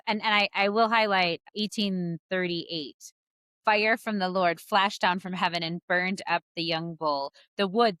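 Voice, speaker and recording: A woman co-hosting a casual Bible discussion, animated and expressive, laughing easily. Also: on the low side, dry recording, clean studio sound.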